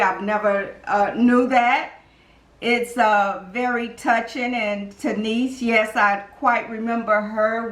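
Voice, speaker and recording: On a video call, a woman who is a donor mother gives heartfelt testimony, speaking earnestly and emotionally and often repeating herself as she offers thanks. Her voice is fairly high and a bit bright. The room sounds echoey.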